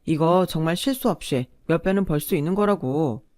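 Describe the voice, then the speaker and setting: A woman voicing a scornful, pushy young husband who nags and sneers, a little louder than her narration, in a storytelling drama. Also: low-pitched, normal speed, no room sound, natural voice.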